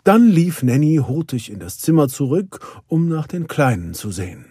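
A man slowly narrating a storybook audiobook in the first person, telling the tale as a dog. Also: on the high side, breathy edge, dry recording, clean studio sound. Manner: slow, expressive storytelling.

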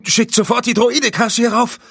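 A male storybook narrator voicing a cowardly alien viceroy who shouts in a shrill, panicked way, far above his own voice. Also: big pitch swings, moderate pace, breathy edge, no room sound, studio quality, exaggerated voice.

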